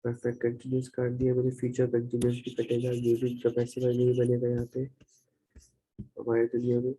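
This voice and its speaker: Male grammar teacher with a Pakistani accent, even-pitched and warm-toned, patient step-by-step explainer. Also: fast talker, poor audio. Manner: explains step by step, repeats examples. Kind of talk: classroom-style grammar lecture.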